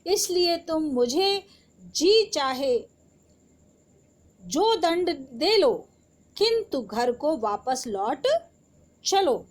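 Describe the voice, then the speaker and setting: A woman's voice: high-pitched, sing-song, very slow, pauses often. A woman teaching Hindi poetry in an online class, explaining the verse line by line and asking her students rhetorical questions.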